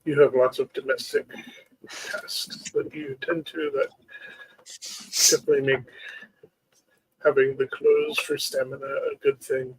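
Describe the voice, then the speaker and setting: A man's voice: mid-range voice, flat delivery, unhurried, pauses often, breathy edge, no room sound, rough recording. A man co-hosting a gaming stream with casual, playful, jokey banter. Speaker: stream co-host playing the game. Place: room shared with host.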